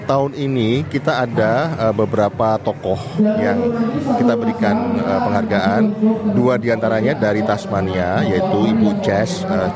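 Indonesian guy, official being interviewed, formal n diplomatic, mid voice, big noisy crowd behind. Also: mid-range voice. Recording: loud crowd behind, outdoor event.

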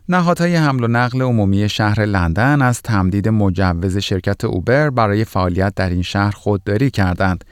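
A man's voice: fairly low pitch, no room sound, studio quality. A man presenting scripted news items as a podcast news reader.

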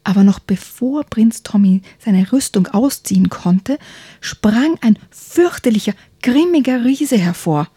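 A woman podcast host reading a children's story aloud in a soft, partly whispered way, then talking about the book. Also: a little high, expressive, unhurried, breathy edge, dry recording.

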